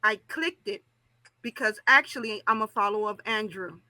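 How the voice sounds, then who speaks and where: A man's voice: high voice, normal speed, bright, forceful tone, no room sound. A man calling in to a show, arguing heatedly and stumbling over his words. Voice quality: argumentative, stammering. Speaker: caller to an online show. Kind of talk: heated argument.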